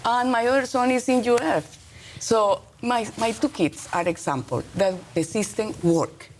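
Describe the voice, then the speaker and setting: In a slightly high voice, a middle-aged Colombian teacher responds to interview questions. Her English, colored by her native Spanish and Colombian accent, comes out halting and earnest in short, emphatic bursts, with slight background noise.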